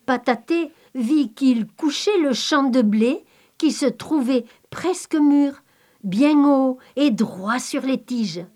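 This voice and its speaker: A woman reading a folk tale aloud in a calm, measured, expressive storybook manner. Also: high-pitched. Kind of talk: slow storybook narration.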